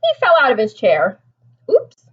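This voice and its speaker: An unhurried, husky, high-voiced woman animatedly reads a storybook to young children as their teacher. She explains expressively and asks questions aimed at the kids, and the audio is dull.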